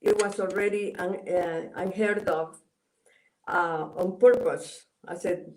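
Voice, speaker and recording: This guest, a Mayan elder from El Salvador now at home in Guatemala, responds to an interviewer on a video call in English, her second language, with a Spanish accent. Her fairly low voice moves slowly with fairly even intonation, full of hesitant fillers and restarts, on a low-quality recording with slight hiss or hum.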